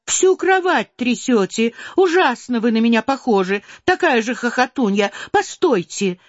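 A woman reading a storybook voices an impulsive, playful teenage girl who talks in an excited, insistent way. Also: on the high side, a little slow, no echo, pitched above the performer's own voice. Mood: eager. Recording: slightly dull dry recording.

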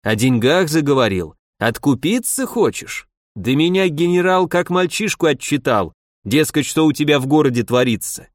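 A man's voice: on the high side, expressive, moderate pace, dry recording, studio quality, close to an everyday voice. A man voicing a stern, imperious police chief who scolds and commands, in an audiobook reading. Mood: scolding.

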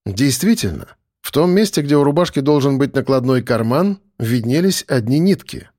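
A man narrating a first-person audiobook in a wry, lively storytelling manner. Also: mid-range voice, normal speed, dry recording, clean studio sound.

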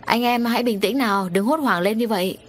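A woman voicing a blunt, loud-spoken man who leads a crew of dock workers, in an audio story. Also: on the high side, fairly quick, a little hiss or hum, lightly acted.

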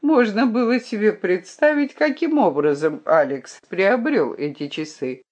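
Woman reading an audiobook, lively pitch, storytelling, first person. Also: measured pace, lo-fi sound. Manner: expressive storytelling. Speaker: audiobook narrator.

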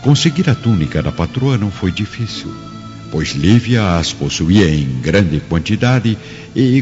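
In a very low voice, a Brazilian man solemnly narrates a radio drama with dramatic, animated delivery. Background music is clearly audible, and the recording sounds somewhat dull and lo-fi.

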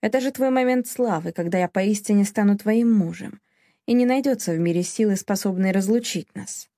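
A woman's voice: mid-range voice, fairly quick, mellow, no echo, clean studio sound, lightly acted. A woman reading the part of a furious, scornful young husband who speaks harshly and commandingly. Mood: гневно.

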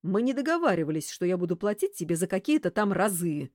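A woman's voice: lowish voice, expressive, slow, darkish tone, no room sound, studio quality. A woman voicing a lanky, ill-tempered male detective who grumbles indignantly.

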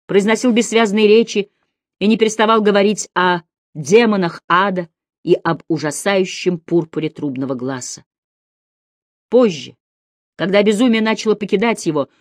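Low-voiced woman reading an audiobook. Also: darkish tone, no room sound, clean studio sound. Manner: measured, dramatic reading. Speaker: audiobook narrator. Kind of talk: audiobook narration.

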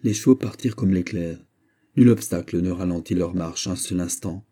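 A man narrating an audiobook in a measured, dramatic reading. His voice is very dark and mellow, with a husky grain and a low pitch.

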